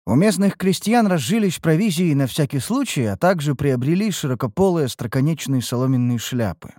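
Man, audiobook narrator, first-person storytelling, expressive, lively intonation, dry close recording. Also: on the high side, a little fast, no echo.

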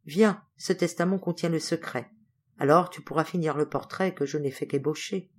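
A dying old male painter speaks in a faint, slow, broken voice, as a woman reading aloud puts him on. His words come weak and tender, pitched a little low.

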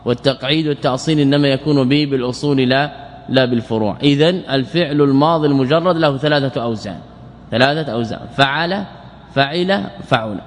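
Lecturing man in a reverberant hall. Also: mid-range voice. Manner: drills verb patterns slowly and quizzes students. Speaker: sheikh teaching Arabic morphology. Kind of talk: classroom lecture explaining verse. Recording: hall reverb with faint ambience.

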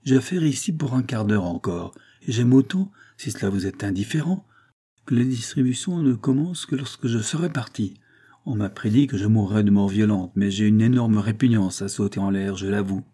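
A man's voice: lowish voice, moderate pace, dark tone, breathy edge. A man voicing an ironic, mocking male city magistrate in an audiobook reading.

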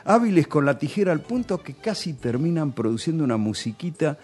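A man's voice: a little high, big pitch swings, brisk, darkish tone, soft background music. A man with a Rioplatense Spanish accent telling nostalgic, chatty stories on a radio show. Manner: nostalgic, chatty storytelling with local slang.

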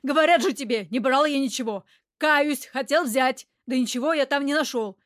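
Woman reader doing a coarse, yelling man in hiding, defensive and hot-headed, pitched fairly high for a man, for an audiobook. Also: normal speed, no echo, clean studio sound, natural voice. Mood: gruff. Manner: shouting, coarse street talk. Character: rough, hot-tempered hunted man, loud and defensive.

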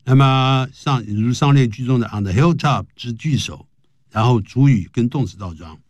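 A man teaching English grammar on a broadcast lesson, explaining in Chinese and reading English example sentences slowly and carefully. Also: medium pitch, darkish tone, no echo.

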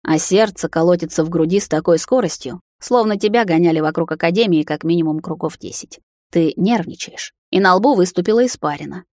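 Woman voicing a cold male vampire lord, low, slow and stern, dry storybook read. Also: a little mellow, no echo, lightly acted. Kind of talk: audiobook character voice.

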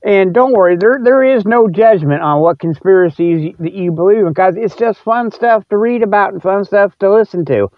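Speaking at a moderate pace with hardly any pauses, a high-pitched man hosts a podcast, rambling on in a folksy, repetitive, stop-and-start way. There's no room sound, but the audio has a narrow, telephone-like quality.

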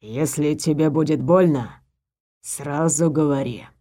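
A woman voicing a cautious middle-aged stepfather who murmurs in a low, hushed way in an audiobook. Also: unhurried. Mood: hushed tender. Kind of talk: audiobook character voice.

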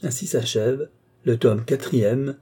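A man narrating a classic novel in a steady, measured audiobook reading. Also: medium pitch, breathy edge. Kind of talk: scripted narration.

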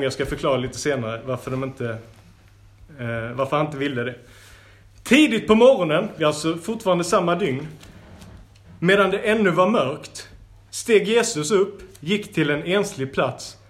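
A man with a fairly high voice leads a Bible school lesson. He reads scripture aloud and breaks in with lively, playful asides.

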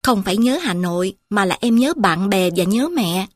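A woman voicing a wistful, homesick teenage girl from the city who speaks quietly. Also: mid-range voice, expressive, normal speed, no room sound, close to an everyday voice. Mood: wistful, subdued. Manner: quiet and subdued.

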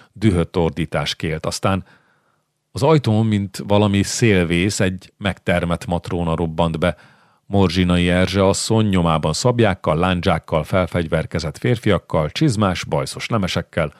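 A man narrating a historical novel in a measured, dramatic way. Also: sits low, dry recording, studio quality. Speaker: audiobook narrator.

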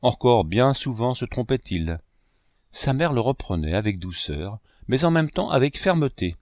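Lively male storyteller, dry close mic. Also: medium pitch, normal speed, dry recording. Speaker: audiobook narrator. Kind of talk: scripted narration.

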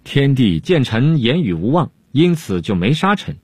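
A man's voice: lowish voice, expressive, moderate pace, no echo, studio quality. Man playing a sly, drawling court jester. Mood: pleading. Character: sly unhurried witty male court jester.

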